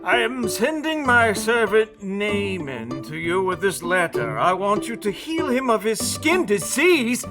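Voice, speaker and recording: Shrill, fussy, petulant king. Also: big pitch swings, measured pace, few pauses, music in the background. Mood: haughty reading. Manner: fussy, whiny, theatrical. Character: petulant, panicky king of Israel, childish. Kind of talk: animated Bible story for children.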